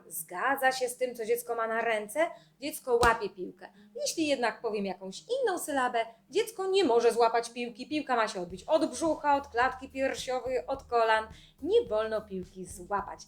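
This young woman, a speech therapist, walks through classroom games for an instructional video. Her voice sits on the high side, and her delivery stays calm and clear, broken by brief pauses.

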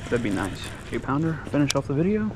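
Talking fast at a medium pitch, a man vlogs his fishing trip by the ponds, relaxed and slangy, and visibly thrilled whenever he hooks a fish. The sound comes from noisy outdoor camera audio.

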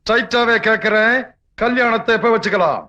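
High, bright, theatrical bride's father. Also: brisk, lo-fi sound. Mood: eager pleading. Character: bald scheming father of the bride. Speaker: comic actor in a film scene. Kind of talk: film comedy acting.

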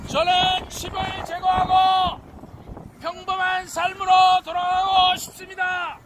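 A man giving a shouted protest speech outdoors on a street, calling out slogans in drawn-out phrases. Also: very high voice, completely flat delivery, noisy background.

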